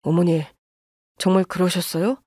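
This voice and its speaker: A woman's voice: fairly low pitch, level tone, normal speed, warm tone, no room sound, clean studio sound, lightly acted. A woman voicing a younger son and husband who confronts his mother in wounded anger, in a storybook radio drama. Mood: alarmed. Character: older male husband, younger son, hurt and angry.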